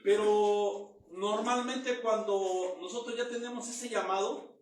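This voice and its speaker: A man's voice: high-pitched, steady tone, slow pace. A man preaching a Bible teaching sermon, reading verses aloud and then explaining them in plain words. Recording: very echoey room, mic far off.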